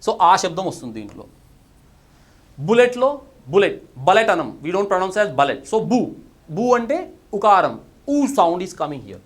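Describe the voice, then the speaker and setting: A man with a Telugu accent gives a recorded pronunciation lesson, switching between Telugu and English. His voice sits high and he talks at a slow, deliberate pace, posing questions and then answering them himself. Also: very animated, fairly bright tone. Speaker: English teacher.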